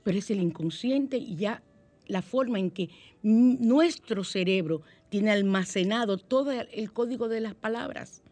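A middle-aged woman hosting a motivational radio talk, telling stories warmly and acting out the voices she quotes. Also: mid-range voice, measured pace, no room sound. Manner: warm, animated storytelling with acted-out quotes. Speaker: radio show host.

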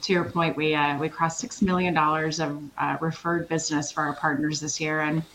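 A middle-aged woman from Switzerland, a consultancy founder answering interview questions in an energetic, emphatic way and laughing easily. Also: low voice, brisk, slight background noise, poor audio. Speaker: sales consultancy founder, guest.

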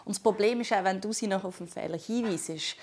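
A woman, co-hosting a casual podcast and telling stories in an animated way. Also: mid-range voice, slightly rough. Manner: fast, animated storytelling. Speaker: podcast co-host, comedian. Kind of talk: casual storytelling. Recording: phone call.

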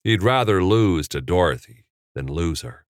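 A man narrating an audiobook in a measured, steady storytelling manner on a close studio mic. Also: sits low, no room sound.

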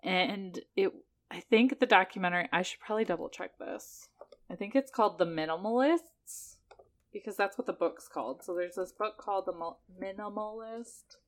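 A woman's voice: mid-range voice, normal speed. A woman co-hosting a podcast in casual chat, telling things in an informal, jokey, rambling way. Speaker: podcast co-host.

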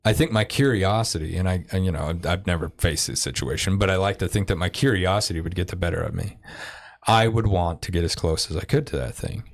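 A man talking in a relaxed group podcast chat, musing and reflective as he thinks out loud. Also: sits low, a little fast, creaky. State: married. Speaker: podcast co-host.

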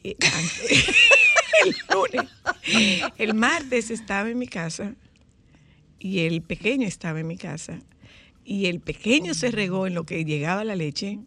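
Animated woman radio host. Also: medium pitch, measured pace. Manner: animated storyteller, teasing, laughs often. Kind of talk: casual radio chat.

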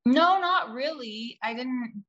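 A woman's voice: high-pitched, animated, slow pace, fairly bright tone, lo-fi sound. A woman from Utah, a podcast guest, telling her own story in a candid, reflective way with frequent ums. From Utah, United States. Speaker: interview guest. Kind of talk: personal storytelling in an interview.

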